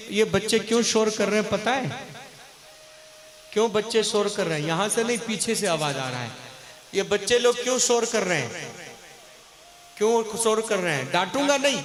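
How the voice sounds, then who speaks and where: A man with a Bihari Hindi accent preaching a devotional story to a live crowd, acting out what the figures say and breaking off to speak to the audience. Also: high voice. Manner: dramatic, acts out quoted lines, talks to the crowd. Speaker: kathavachak. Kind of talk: devotional storytelling sermon with sung verses.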